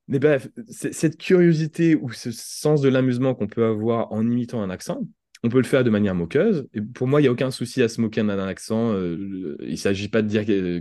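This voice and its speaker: Low, mellow-voiced Frenchman explaining patiently. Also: no room sound, studio quality. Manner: thoughtful, explains with examples and restarts. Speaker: podcast guest, language entrepreneur. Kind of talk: conversational interview.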